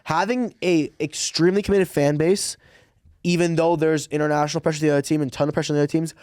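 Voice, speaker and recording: A man co-hosting a sports podcast talks in loose, rambling bursts, often repeating his words as he cuts in. His voice sits a little high for a man and is caught on a dry, close mic with no room sound. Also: fairly even intonation, quick pace, darkish tone, clean tone, no room sound. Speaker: podcast co-host. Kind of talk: casual sports chat.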